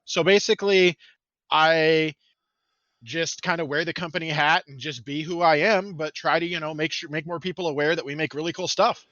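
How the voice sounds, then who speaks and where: Excitable jokey man, bright tone. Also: on the high side, normal speed, dry recording, muffled recording. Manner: excitable, self-deprecating, jokey. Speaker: guest, marketing manager. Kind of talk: casual podcast chat.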